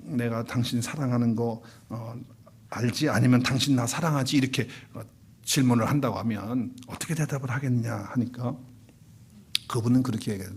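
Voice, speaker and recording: A man's voice: mid-range voice, husky. A male pastor preaching a Sunday sermon in a church, asking the congregation questions and acting out quoted couples. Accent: Korean. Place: church sanctuary.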